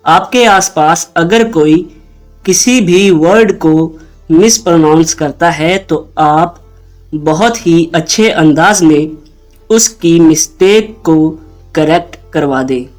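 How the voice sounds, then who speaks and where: A man hosting a pronunciation lesson, patiently repeating each word slowly so listeners can say it back. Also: on the high side, soft background music. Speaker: host and English pronunciation teacher.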